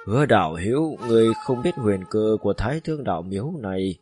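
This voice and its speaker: A man's voice: lively intonation, fast, a little mellow, soft background music, natural voice. A man doing a deferential old cultivator. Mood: respectful. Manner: respectful, low-voiced address.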